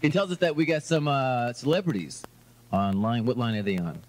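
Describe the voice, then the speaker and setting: A man hosting a morning radio show in a studio, rambling energetically and quick to laugh. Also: medium pitch.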